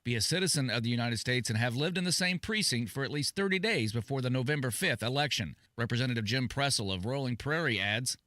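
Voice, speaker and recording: A male radio reporter reads a scripted news piece in a bright, forceful voice of middle pitch. The recording is dry and close. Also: lively intonation, fast, few pauses, no room sound.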